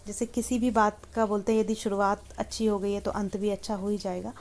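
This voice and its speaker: A woman's voice: medium pitch, little pitch movement, brisk, darkish tone. A woman tutor walking trainee teachers through a lesson plan step by step, in a patient, methodical teaching manner. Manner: patient, methodical, walks through each item in turn.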